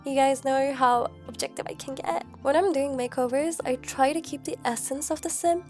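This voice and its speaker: A young woman with a high voice, thick and nasal from a cold. She rambles on in a casual, self-mocking way, full of slang, while soft music plays underneath. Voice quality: nasal, congested. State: stuffy nose from a cold. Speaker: Sims content creator. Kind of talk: casual chatty commentary. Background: faint background music.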